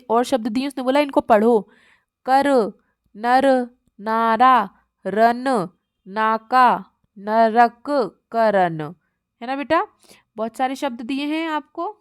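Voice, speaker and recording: A woman teaches a workbook lesson to small children, asking questions and slowly repeating each letter. Her voice sits a little high. The sound is dry and close, with no room echo. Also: clean tone.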